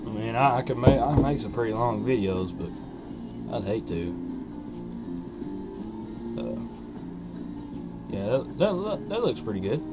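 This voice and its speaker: A man's voice: mid-range voice, animated, rough recording. Young man talking around lipped dip. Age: young adult. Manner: talks with a lip full of dip; folksy, drawn-out hesitant delivery. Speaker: dip review vlogger. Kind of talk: casual rambling chat to camera. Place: small wood-panelled room indoors. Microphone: webcam mic at arm's length. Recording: country music playing behind the voice. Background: country music.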